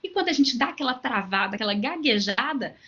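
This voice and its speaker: Fast, bright and forceful, a woman with a fairly high pitch and lively intonation addresses teachers in an online lecture, though the audio is dull. She's from Minas Gerais, Brazil, speaks with a Minas Gerais Brazilian Portuguese accent, and fills her explanations with everyday examples and asides.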